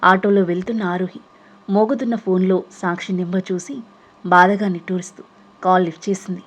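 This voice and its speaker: A woman's voice: lowish voice, steady tone, brisk. A woman steadily narrating a serialized audio novel. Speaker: storyteller.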